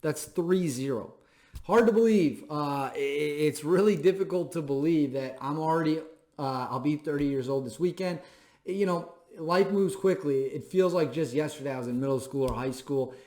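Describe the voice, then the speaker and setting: Speaking at a moderate pace, a thirty-year-old show host with a fairly high pitch and darkish tone delivers a plainspoken, emphatic commentary monologue to camera. He drives points home by repeating phrases.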